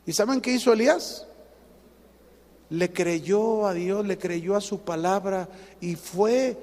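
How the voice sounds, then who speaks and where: A man with a Mexican Spanish accent delivers a sermon in a high, ringing voice. His delivery is dramatic, jumping from loud emphasis to near hush. A long hall reverb trails every line. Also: slow pace. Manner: dramatic, swings from loud to hushed, acts out quotes. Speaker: preacher.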